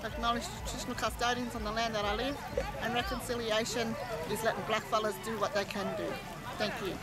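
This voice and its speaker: An Australian woman giving a brisk, direct interview answer. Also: a little high, level tone, a crowd in the background. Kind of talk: casual spoken interview answer.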